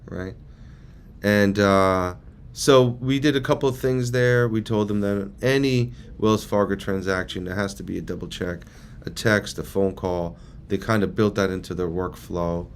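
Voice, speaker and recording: A man's voice: fairly low pitch, a little hiss or hum. A man leading a training session, talking to a group in a casual, rambling, conversational way. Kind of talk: casual informal presentation to a group.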